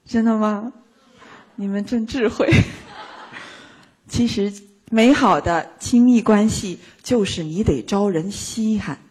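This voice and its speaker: A woman speaks to a live audience in a lively, playful way and acts out small everyday scenes. Her voice is strongly husky and breathy, sitting at a middle pitch. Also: takes it slowly. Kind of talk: motivational talk to an audience.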